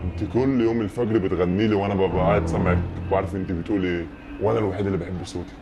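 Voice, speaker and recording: Possessive mirror spirit, voiced by a man, Egyptian accent, low voice, loud music. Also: steady tone, racing. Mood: soothing. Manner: smooth, then clingy and possessive.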